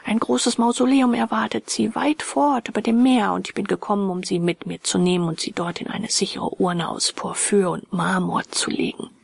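A woman's voice: mid-range voice, steady tone, moderate pace, vocal fry, few pauses, slightly rough, no room sound. Woman doing a cold commanding man, stern, dry close sound, whispered role-play, storybook. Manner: stern, dismissive.

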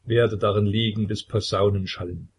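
A mournful holy fool, as a male narrator puts him on, chanting his endless song. It is delivered low and husky, in the narrator's own register. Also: steady tone, moderate pace.

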